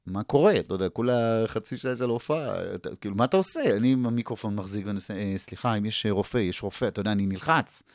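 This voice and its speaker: A man's voice: hardly any pauses, dry recording, clean studio sound. A middle-aged man, a comedian, telling stories in casual chat and acting out quotes with big jumps in his voice. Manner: animated, acts out quotes with big pitch jumps. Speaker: guest comedian. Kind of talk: casual storytelling.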